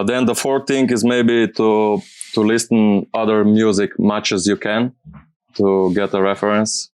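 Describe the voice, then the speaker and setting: A man who speaks English as a second language, giving casual interview answers and searching for his words in a halting way. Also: lowish voice, a little mellow, clean tone, no room sound. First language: not English. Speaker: music producer being interviewed.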